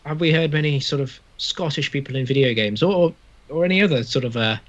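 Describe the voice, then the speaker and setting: A man's voice: a little high, fast. A British man hosting a casual podcast, putting questions to friends over a video call. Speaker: podcast host. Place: indoor video call from home. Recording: slightly dull video-call audio.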